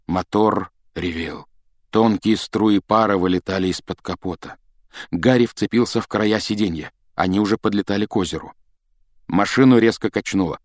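A male narrator with a low voice reads an adventure story with dramatic, expressive pacing. The recording is dry and close, with no room sound. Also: normal speed, dry recording. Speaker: audiobook narrator. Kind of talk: expressive audiobook reading.

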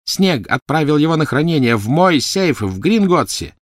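A man's voice: fairly high pitch, big pitch swings, moderate pace, no echo, voice pushed up. A fierce, half-mad witch barks orders in a raised, strained voice, done by a man narrating. The storybook reading is dry and close. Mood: commanding. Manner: hissing, commanding, rising to shrieks. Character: shrill, frantic, cruel witch woman.

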